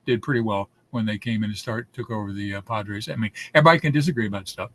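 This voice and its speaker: A man's voice: fairly low pitch, fast, fairly bright tone. A man in his seventies, a guest telling stories in a casual interview, rambling with many restarts. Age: 70s.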